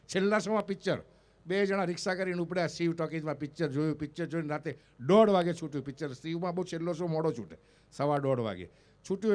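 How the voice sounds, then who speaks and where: High-voiced man from North Gujarat telling jokes. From North Gujarat, India. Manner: animated, acts out the dialogue of people in his stories. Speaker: stand-up comedian and mimicry artist. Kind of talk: live comic storytelling on stage. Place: event stage before an audience.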